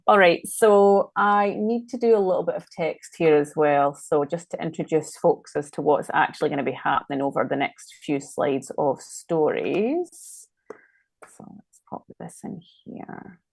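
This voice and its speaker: A woman's voice: sits low, a little slow, creaky, dry recording. A woman with a Scottish accent, a designer chatting casually and thinking aloud as she works through a live-stream demo. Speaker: designer guest.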